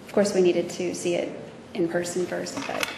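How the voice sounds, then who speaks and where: A woman testifying as a witness, speaking hesitantly with many pauses and fillers, in a courtroom recording. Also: on the low side, little pitch movement, gravelly. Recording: echoey courtroom audio from far off with noise.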